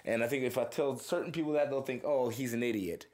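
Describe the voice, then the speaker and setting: A young musician from the Houston, Texas area talks fast in a medium-pitched voice, with a little hiss or hum in the recording. As an interview guest he's relaxed and profane, rambling through his stories.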